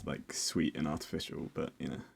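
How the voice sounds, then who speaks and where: A young man co-hosting a podcast, chatting in a relaxed way with dry teasing humor. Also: extremely low pitch, a little fast, gravelly, slightly rough. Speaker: podcast co-host. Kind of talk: casual chat.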